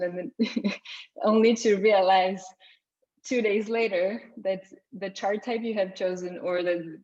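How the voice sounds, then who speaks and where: Young Lithuanian-born woman presenting over video call, chatty and unpolished, mid-pitched. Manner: conversational, with frequent restarts. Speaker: guest speaker. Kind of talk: online meetup talk. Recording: slightly dull video call audio.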